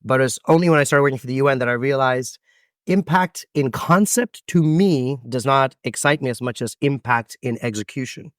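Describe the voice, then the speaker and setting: On a close, dry mic with no room sound, this American guest in his thirties tells his answers as expansive, lively stories. His voice is medium in pitch, and he leans on dramatic pauses; he's a podcast guest who also works as an event MC.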